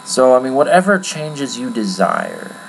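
A man giving a casual, rambling screen-recorded software tutorial from his computer at home, with many fillers. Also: mid-range voice, sing-song, a little slow, slight background noise, poor audio. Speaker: tutorial maker.

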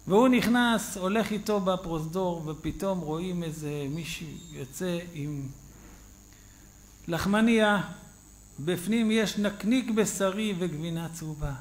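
A male rabbi giving a sermon, telling stories in an animated, conversational way. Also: high-pitched. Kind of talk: sermon storytelling. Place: synagogue.

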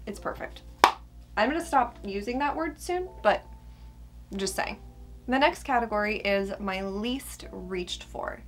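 A young adult woman chatting casually to camera as a beauty vlogger, emphatic and casually sweary, with a whistling s. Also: on the high side. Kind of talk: casual chat to camera, product ranking. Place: small furnished room indoors.

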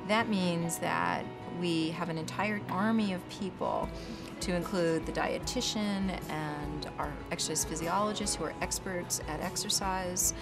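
A woman physician speaks in a calm, explanatory way, her voice sitting on the low side. She is interviewed for a documentary. Music plays clearly underneath. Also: a little slow. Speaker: physician overseeing cardiac rehab. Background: background music.

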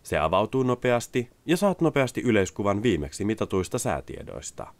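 A man narrating a scripted product voice-over in an even, explanatory way. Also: fairly low pitch, no echo.

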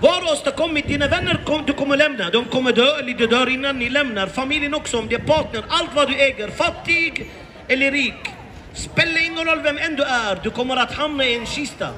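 Very high-voiced man street preaching. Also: pushed and bright, big-room sound. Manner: impassioned, rhetorical questions, repeats phrases. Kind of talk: open-air evangelistic preaching. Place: outdoors on a city street.

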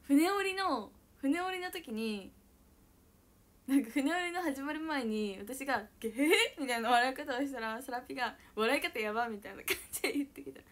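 A young woman with a high, bright voice and a chats casually with viewers on her livestream. She is bubbly and giggly, and she talks loudly. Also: normal speed. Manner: giggly, bubbly, frequent laughter; self-describedly loud voice. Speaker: idol livestreamer. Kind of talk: casual chat reading viewer comments.

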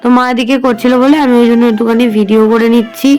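Woman in her thirties, chatty home vlogger, fairly high voice, casual family talk. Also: level tone, fast, a little mellow. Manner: coaxing, sing-song talk to small children; chatty explaining to viewers.

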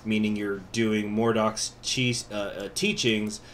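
A man's voice: fairly low pitch, little pitch movement, measured pace, fairly bright tone, a little hiss or hum. A man speaking through a face mask, giving a chatty, informal strategy game tutorial as the host. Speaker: gaming video host. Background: music.

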